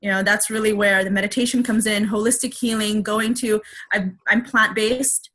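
A woman's voice: medium pitch, fairly even intonation, moderate pace, fairly bright tone. A woman speaking candidly as an interview guest, reflective and open, with many fillers and restarts. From Filipino heritage.

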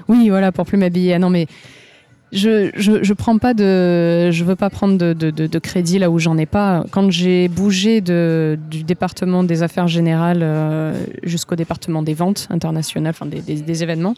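A woman's voice: lowish voice, steady tone, moderate pace, mellow. A woman from France, an interview guest, explaining things at length with frequent hesitations. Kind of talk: conversational interview.

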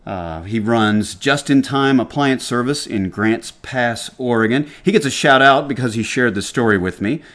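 A middle-aged man with a Southern lilt hosts a casual trade radio show. His voice sits at an ordinary pitch. He talks emphatically and lectures his listeners, often restarting sentences mid-thought. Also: normal speed, few pauses, fairly bright tone. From Atlanta, Georgia, US. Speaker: podcast host.

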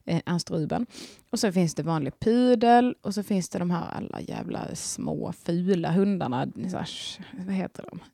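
A woman's voice: fairly low pitch, vocal fry, warm tone, no echo, clean studio sound. A young woman, chatting casually as a podcast host, rambling and gushing with lots of fillers and restarts. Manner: giggly, gushing.

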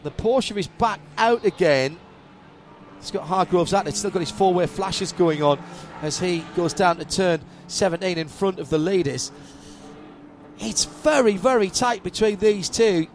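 A woman's voice: mid-range voice, a little hiss or hum. A woman giving live motorsport commentary as lead commentator, with a running call that swells with the action.

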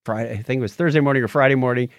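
This podcast co-host talks very fast in a mid-range voice, bantering jokily about tech news and frequently chuckling. The recording is clean studio sound without any room noise.

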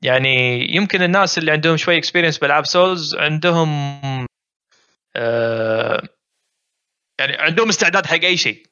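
Bright-voiced fast-talking Gulf Arabic man. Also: a little high, clean tone, no echo, dull audio. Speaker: guest gamer. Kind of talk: casual chat.

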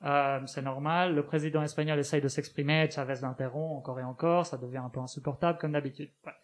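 Male columnist, fairly high voice, ironic scripted comedy chronicle. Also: fairly even intonation, fast talker. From Spain. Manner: ironic, joking, reads with asides and laughs. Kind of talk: humorous radio chronicle read from a script. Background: other panelists laughing.

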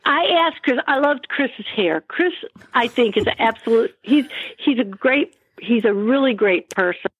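A woman's voice: fairly high pitch, animated, measured pace, hardly any pauses, slightly rough, no echo, lo-fi sound. An older woman talking over a phone on speakerphone, chatty and rambling, laughing easily. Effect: heard over a phone on speakerphone. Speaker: guest calling in by phone. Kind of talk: casual chat.

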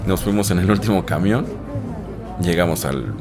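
A young man with a Mexican Spanish accent tells his life story in a chatty, animated way, acting out other people in a high voice. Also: normal speed, crowd noise. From Isthmus of Tehuantepec, Mexico. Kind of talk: personal storytelling. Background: guitar music.

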